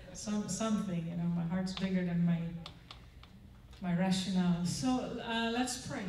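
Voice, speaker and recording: An older chapel speaker gives a devotional and prayer on a big church auditorium stage, using a handheld microphone. Her darkish, middle-pitched voice is slow, conversational and earnest, with frequent pauses and requests for agreement, ringing through a very echoey hall with faint hum and heard from afar.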